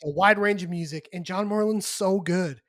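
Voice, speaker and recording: A man's voice: sits high, brisk, fairly bright tone, no echo, clean studio sound. A man co-hosting a podcast, talking in a casual, rambling and earnest way, full of "dude" and "like". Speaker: podcast co-host. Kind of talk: casual chat.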